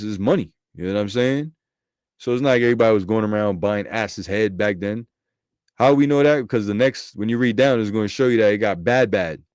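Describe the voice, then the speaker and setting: A man's voice: medium pitch, a little mellow, dry recording, clean studio sound. A man giving casual scripture commentary in slangy, profane street talk, thinking aloud and correcting himself as he goes. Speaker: bible commentator.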